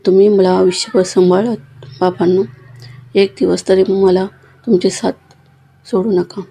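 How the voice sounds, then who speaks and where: A woman's voice: medium pitch, flat delivery, unhurried, vocal fry, dark tone, breathy edge. A woman reading a young son's pleading lines to his ailing father in a storybook tale. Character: grieving young adult son.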